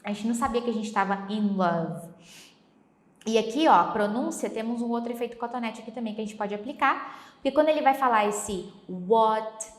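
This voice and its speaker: Lively Brazilian teacher, echoey room. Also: female voice, a little high. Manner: lively, explains step by step, sings and repeats lyric lines slowly. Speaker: English teacher. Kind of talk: song-based English pronunciation lesson.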